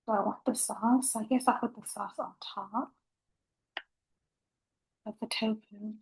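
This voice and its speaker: A woman talks softly and casually as she sets out her meal for a vlog. Her voice sits at an ordinary middle pitch, and she keeps her volume low throughout. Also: fairly even intonation, a little slow, vocal fry, poor audio. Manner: soft-spoken, low volume. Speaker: vlogger. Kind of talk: casual food vlog chat.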